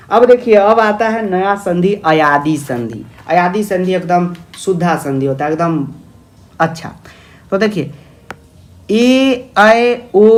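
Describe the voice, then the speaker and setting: A man teaching a grammar lesson, coaxing his students along, calling them "babu" and posing their questions himself before answering. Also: a little high. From India. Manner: coaxing, calls listeners "babu". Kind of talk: classroom-style grammar lesson.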